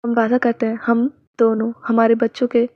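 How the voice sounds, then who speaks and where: A woman voicing a calm, possessive young man in a storybook romance, speaking low and quiet. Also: moderate pace, no echo, lo-fi sound, natural voice.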